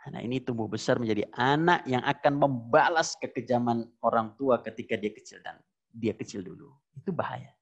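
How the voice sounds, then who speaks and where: Emphatic gravelly male preacher. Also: a little fast. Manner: emphatic, repeats phrases, jumps to high exclamations; recites Arabic verses between plain explanation. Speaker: Islamic preacher. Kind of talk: religious lesson to a congregation. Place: Islamic boarding school lecture. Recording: dull lo-fi recording.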